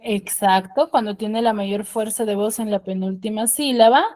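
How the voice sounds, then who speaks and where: A woman's voice: medium pitch, moderate pace, a little mellow. A woman teaching a class over a video call, explaining step by step and often checking that her students follow. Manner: patient, keeps checking understanding with "¿ya?". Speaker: schoolteacher.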